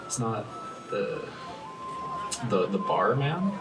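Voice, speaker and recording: Hesitant man, lowish voice, tabletop role-play. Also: sing-song, slow, distant mic, music in the background. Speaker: tabletop game player. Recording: noisy room, slightly off mic.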